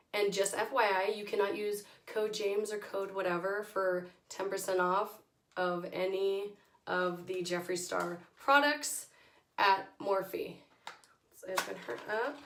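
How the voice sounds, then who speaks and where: Hoarse woman chatting in an echoey room. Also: medium pitch, a bit bright. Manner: chatty, informal, slangy. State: hoarse, voice nearly gone. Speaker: beauty vlogger. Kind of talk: casual product review to camera.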